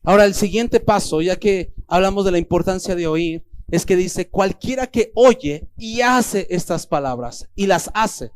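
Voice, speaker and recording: Male pastor, high voice, lively sermon delivery, talks straight to the congregation. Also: unhurried, few pauses, smooth. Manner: animated preaching, acts out quoted voices.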